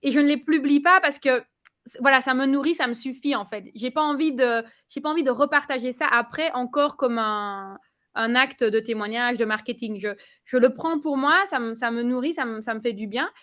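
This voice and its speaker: A woman speaks in a relaxed, conversational way, often pausing on fillers and starting her sentences over. Her voice sits a little high. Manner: hesitant, many fillers and restarts. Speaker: client giving a testimonial. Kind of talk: casual conversational testimonial.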